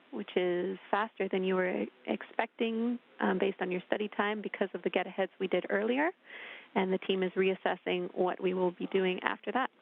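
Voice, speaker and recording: Gravelly man over thin space radio. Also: sits high. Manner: steady, clipped technical briefing. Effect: thin space-to-ground radio link. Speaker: mission control communicator. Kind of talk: procedural radio calls to a crew. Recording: tinny narrowband radio loop.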